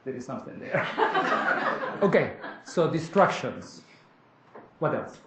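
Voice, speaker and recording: Brief: male seminar leader with a Peruvian Spanish accent, lively and engaging, slightly high voice, echoey room with faint noise. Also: slow. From Peru. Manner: animated, asks the room, often tags "correct?". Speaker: workshop leader. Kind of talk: interactive seminar teaching.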